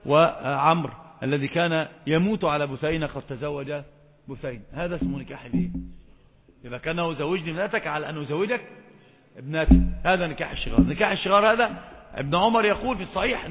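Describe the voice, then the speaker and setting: A fast-talking man with a fairly high voice gives a classroom religious lecture on Islamic law. He quizzes his students as he goes. The sound is thin and phone-like, with a long hall reverb around it. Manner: quizzes the students, scolds them for not raising hands.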